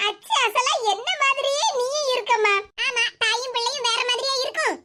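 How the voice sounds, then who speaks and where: A squeaky, grumbling old mother. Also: brisk. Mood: scolding. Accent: Tirunelveli Tamil. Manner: scolding, self-pitying laments. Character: grumbling old mother, bitter about her children. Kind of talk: cartoon voice acting. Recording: loud background noise.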